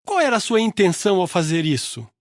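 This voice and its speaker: A man's voice: sits high, sing-song, fast, no echo, studio quality, pitched above the performer's own voice. A man voicing an indignant ancient king who pleads and protests, in a Bible audio reading. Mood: protesting.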